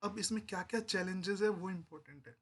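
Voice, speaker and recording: Quick-paced and high-voiced with a breathy edge, this man gives a relaxed Excel walkthrough. He explains things one step at a time in an informal, conversational way, frequently checking on the viewer.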